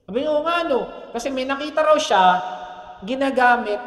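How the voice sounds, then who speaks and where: A man with a high voice preaches to a church congregation, telling stories and calling out for amens. His voice rings through a large hall with a long reverb tail. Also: fairly quick, fairly bright tone. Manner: storytelling preacher, asks the congregation for amens, jokes. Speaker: pastor. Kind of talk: sermon.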